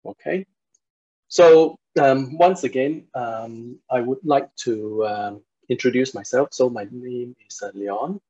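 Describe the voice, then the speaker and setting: A man's voice: medium pitch, slow pace, warm tone, husky. Hesitant man lecturing over a video call. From Singapore. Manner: hesitant, many fillers, polite. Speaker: university lecturer. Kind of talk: online public lecture. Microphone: computer mic on video call. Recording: dull lo-fi video call audio.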